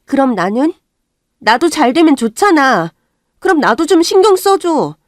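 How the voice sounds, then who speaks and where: A woman's voice: high voice, sing-song, moderate pace, dry recording, clean studio sound. A woman playing a resentful teenage girl who talks back to her mother in a storybook radio drama. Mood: sulky.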